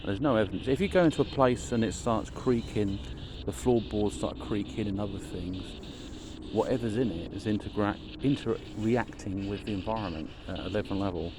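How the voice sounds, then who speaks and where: A man chatting casually to a vlog audience while walking around outdoors, musing in a halting way and trailing off mid-thought. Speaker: paranormal investigator filming a vlog. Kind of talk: casual rambling vlog chat. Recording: noisy outdoor ambience, traffic rumble.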